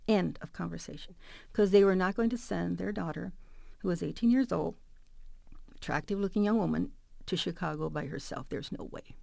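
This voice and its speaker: A woman from South Phoenix telling a personal story in an animated way, acting out her family's dialogue. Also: lowish voice, moderate pace, creaky, dry recording.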